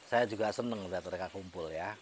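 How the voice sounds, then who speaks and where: A man's voice: sits low, quick pace, heavy background noise. A middle-aged man telling a personal story in a vlog, chatty and motivational, laughing often. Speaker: network marketing team leader.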